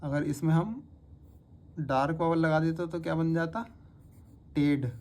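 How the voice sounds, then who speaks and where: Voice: mid-range voice, fairly even intonation, a little slow, darkish tone. A shorthand teacher giving a patient step-by-step spoken lesson and repeating each word aloud several times. The teacher records the lesson on a phone.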